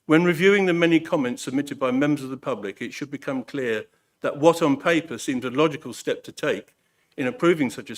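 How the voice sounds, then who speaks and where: A man reading out a formal, earnest and rhetorical statement as a parish council representative. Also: mid-range voice. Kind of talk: formal prepared speech, read out. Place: council meeting room.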